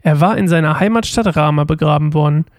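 Guy reading bible stories and explaining casually, high gravelly voice, dry sound. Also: quick pace, no room sound. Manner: chatty, with many fillers and colloquial asides. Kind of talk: casual Bible storytelling with asides.

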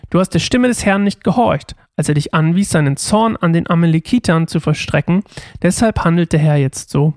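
A man voicing the reproachful ghost of an old male prophet, read in a grave, gravelly voice. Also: fairly high pitch, brisk, a little mellow, no room sound, clean studio sound, lightly acted. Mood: stern.

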